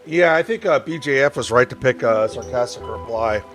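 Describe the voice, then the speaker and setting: A young man streaming a point-and-click game, chatting with his viewers in a tired, low-key, rambling way and reading game dialogue aloud in his own voice. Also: moderate pace, a bit bright, soft background music.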